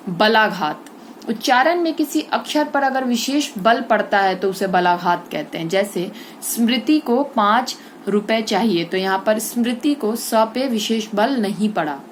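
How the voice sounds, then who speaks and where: A woman's voice: medium pitch, slight background noise. Woman teacher explaining grammar patiently. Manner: explains step by step, often asks and answers her own questions. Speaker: Hindi teacher. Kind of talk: classroom grammar lesson.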